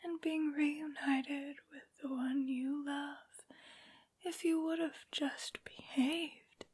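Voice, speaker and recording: A woman voicing a haughty, vengeful aristocratic vampire lady in an ASMR roleplay, in a breathy whisper with taunting, mockingly sweet phrasing. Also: sits high, steady tone, slow, a little mellow.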